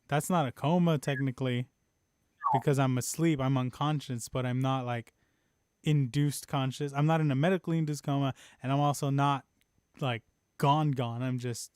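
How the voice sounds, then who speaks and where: A man hosting a podcast in casual chat, telling a story with lots of laughter and animated voices. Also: medium pitch, normal speed, smooth, dry recording, clean studio sound. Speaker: podcast host. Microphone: desk microphone on stand.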